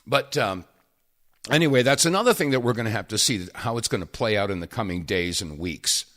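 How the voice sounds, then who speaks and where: A male talk radio host giving commentary, interjecting and pausing clips as he goes. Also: lowish voice, lively intonation, a bit bright.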